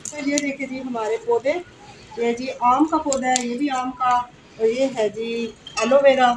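In a casual cooking vlog, a Pakistani woman cooks on an outdoor village rooftop courtyard, warmly and chattily explaining each step and sprinkling in "ji." Her slightly high voice is steady and a little slow, and yard noise comes through the camera mic.

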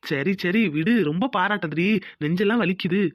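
A man voicing a gentle, puzzled young village husband in a cartoon. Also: sits high, a little fast, dry recording, dull audio, close to an everyday voice. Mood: teasing. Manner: plain, wondering, teasing.

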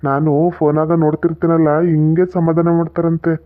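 An actor with a North Karnataka Kannada accent playing a pushy, lecherous middle-aged village moneylender with a coaxing drawl. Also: male voice, on the high side, completely flat delivery, a little fast, noisy background, close to an everyday voice. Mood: leering. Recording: tinny phone-like audio.

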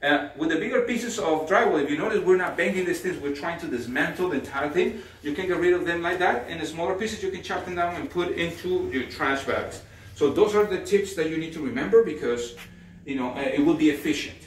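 A man's voice: a little high, brisk, slight background noise. A man in his forties hosting a home remodeling walkthrough, explaining step by step with restarts and phrasing. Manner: explanatory, hesitant restarts, non-native phrasing. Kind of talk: casual walkthrough tutorial. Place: empty bedroom under demolition, indoors. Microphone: on-camera mic from a distance. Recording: roomy echo from far off.

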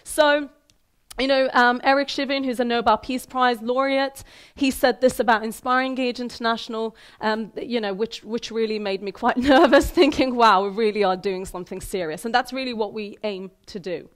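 High-pitched woman in her thirties, keynote speaker, chatty and lively, quizzing the audience from the stage. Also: moderate pace. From Iran, raised in Sweden. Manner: lively, conversational, asks the audience questions. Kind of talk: motivational talk. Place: theater stage with a large audience hall. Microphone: headset mic.

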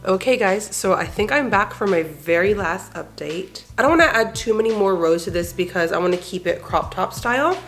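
In her twenties and nursing a head cold, a crochet vlogger sounds nasal as she chats enthusiastically, full of fillers, in her bedroom and living room. Her medium-pitched voice is lively and fairly quick with few pauses, over soft background music.

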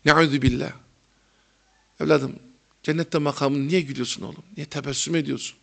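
A man voicing a gaunt, always-gloomy old male teacher who speaks softly, tut-tutting and sighing in disapproval. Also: on the high side, fairly even intonation, normal speed, vocal fry, heavily acted. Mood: gloomy, disapproving.

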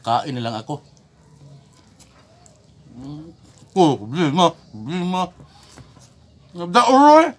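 A man's voice: on the high side, huge pitch swings, slow, pauses often. A man, a mukbang vlogger rambling and joking in casual chat while chewing with his mouth full. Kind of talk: casual eating vlog chat.

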